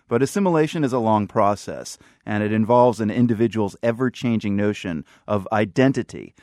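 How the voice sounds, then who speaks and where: A man hosting a radio news program, reading his narration and interviewing with a steady, clear delivery. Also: lowish voice, no room sound, studio quality. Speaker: radio host.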